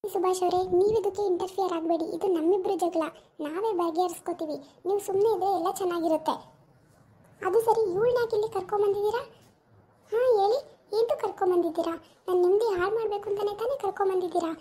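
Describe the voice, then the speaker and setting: A woman's voice: very high-pitched, fast. A woman playing a jealous, hot-tempered young wife in an amateur village drama, who hurls scornful insults. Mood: accusing. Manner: scornful, accusing, shouting insults.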